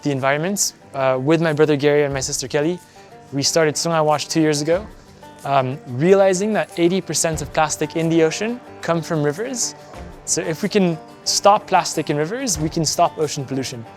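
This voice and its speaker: A man's voice: a little high, brisk, soft background music. A young man from France, earnest and talking in an interview as an activist, with frequent fillers and restarts. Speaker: guest, environmental activist. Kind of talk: conversational interview.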